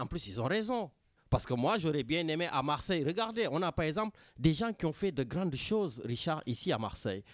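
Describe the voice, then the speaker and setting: Animated Senegalese man hosting a talk show. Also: on the high side, no echo, studio quality. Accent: Senegalese French. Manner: animated, repeats himself, addresses Richard often. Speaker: radio show host. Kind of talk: casual talk show commentary. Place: Marseille.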